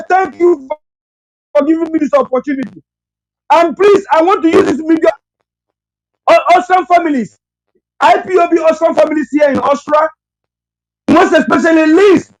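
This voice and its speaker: A woman's voice: very high voice, no room sound, poor audio. A woman calling in to a radio show, speaking with passion and repeating her points. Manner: impassioned and repetitive, rising to shouts. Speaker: caller. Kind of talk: call-in radio speech.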